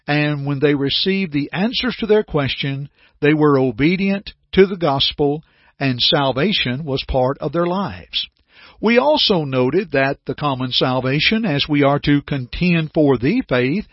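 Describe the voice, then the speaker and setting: A man giving scripted Bible teaching as a radio preacher, in an earnest, formal, measured delivery. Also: fairly high pitch, no room sound, lo-fi sound.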